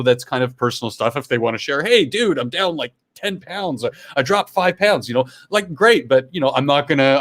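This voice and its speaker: A middle-aged man from Canada co-hosting a live stream, chatting casually about the news, swearing and laughing as he goes. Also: medium pitch. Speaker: livestream co-host. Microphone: earphones on a home streaming setup.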